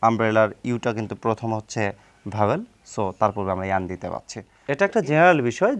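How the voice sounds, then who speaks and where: Lively Bangladeshi man teaching grammar. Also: mid-range voice. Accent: Bangladeshi Bengali. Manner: rhetorical questions and answers them; spells out words letter by letter. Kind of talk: explanatory lesson with examples.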